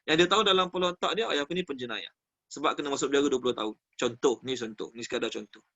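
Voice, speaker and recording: A man teaching a Quran study class in a Malaysian Malay accent. He talks in an animated way, builds on everyday examples and puts questions to his audience. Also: medium pitch, racing, gravelly, dull audio. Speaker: religious teacher.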